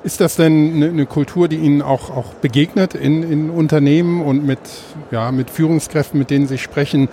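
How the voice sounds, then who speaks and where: A man interviewing a guest in a mellow, warm voice. He asks long, winding questions, hesitating and restarting as he goes. Faint traffic noise sits in the background. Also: on the high side, fairly even intonation, normal speed, few pauses. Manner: hesitant, many fillers and restarts while asking.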